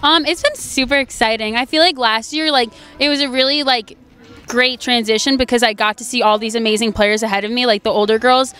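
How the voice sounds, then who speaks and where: A young woman college athlete answers questions into a handheld mic outside by the field. Her voice is a touch high for a woman. She chatters along in a bubbly way, dropping "like" all through. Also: a little fast, fairly bright tone, faint music behind. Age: young adult. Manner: bubbly, peppers talk with "like". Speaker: college player. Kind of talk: postgame interview. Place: outdoor stadium by a sports field. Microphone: handheld interview mic held in front.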